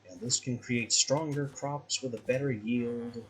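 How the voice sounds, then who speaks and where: A man's voice: mid-range voice, fairly even intonation, measured pace, slight background noise, rough recording. A man giving casual let's-play commentary as a gaming host, musing aloud in a wry, conversational way.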